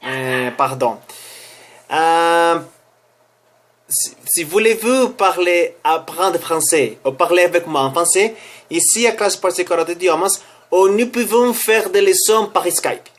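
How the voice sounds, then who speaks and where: A fairly high-voiced man with a foreign accent speaks as a non-native vlogger. His delivery is slow and halting, with frequent self-corrections as he hunts for the right word. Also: animated. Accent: foreign accent in French. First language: not French. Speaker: online language teacher and video host. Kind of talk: news commentary vlog for language learners.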